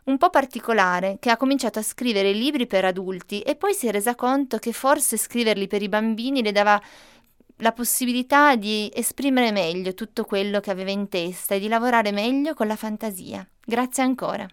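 A woman hosting a children's programme, lively and expressive as she reads a storybook aloud. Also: mid-range voice, fairly quick, smooth, no echo, studio quality.

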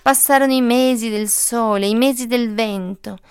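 Smooth-voiced woman reading a storybook. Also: on the high side, normal speed, no echo. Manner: gentle, expressive reading with lively emphasis. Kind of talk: storybook read-aloud.

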